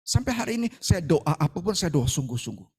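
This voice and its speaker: A male pastor giving an animated, conversational sermon, often asking the congregation questions. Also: fairly high pitch, a little fast, slightly rough, big-room sound.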